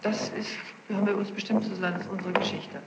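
Under questioning as a court witness, a woman answers defensively, careful and precise about her wording. She talks fast in a mid-range voice with little pitch movement, on muffled, noisy archival tape that echoes through a large reverberant courtroom.

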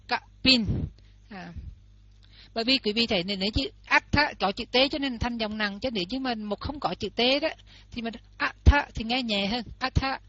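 A woman's voice: medium pitch, sharp tone, no echo. A woman giving a lesson, explaining step by step and repeating example words aloud. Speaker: teacher. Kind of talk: lesson on Pali pronunciation. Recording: dull lo-fi recording.

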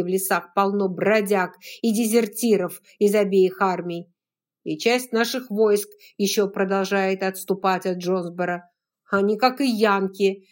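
A woman voicing a bold Southern gentleman who speaks firmly and scolds, then soothes in a hushed voice. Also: medium pitch, close to an everyday voice.

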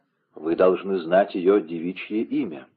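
A cold, vengeful man posing as a monk, demanding answers in a stern, low, husky voice, performed by a male audiobook reader. The sound is muffled and lo-fi. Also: unhurried. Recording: dull lo-fi recording.

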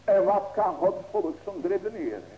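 A man's voice: high voice, expressive, moderate pace, highs cut off. A man in his sixties preaching as a pastor, earnest and folksy, with rhetorical questions and emphatic ringing cries. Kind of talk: sermon.

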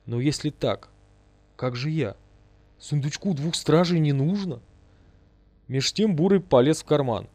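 A man's voice: a little high, lively intonation, measured pace, long pauses, dark tone, no room sound. A man giving a dramatic, vivid first-person audiobook narration.

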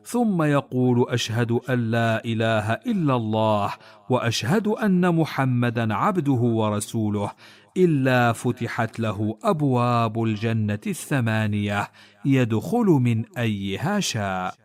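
Man, formal religious reading, solemn, measured, lively intonation. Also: mid-range voice. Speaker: reader of hadith texts.

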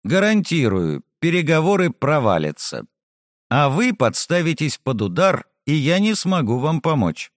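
Slow, expressive male audiobook narrator. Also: fairly high pitch, no room sound, studio quality. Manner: wry, ironic, expressive. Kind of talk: first-person fantasy audiobook narration.

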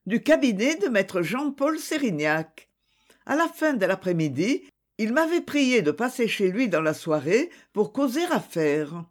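A reader voicing Édith, a reserved young woman who answers questions in a hesitant, measured way. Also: medium pitch, very animated. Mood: guarded.

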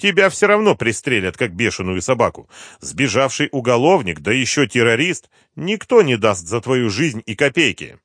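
A man voicing a scheming, mocking older general who smirks, taunts and speaks hoarsely. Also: medium pitch, very animated, moderate pace, fairly bright tone, no room sound, clean studio sound, voice pushed up.

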